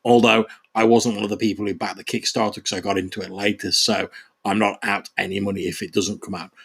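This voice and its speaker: Guy leaving a voicemail for the show, low husky voice, easygoing and a bit halting. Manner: relaxed, friendly, slightly hesitant. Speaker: listener calling in to the podcast.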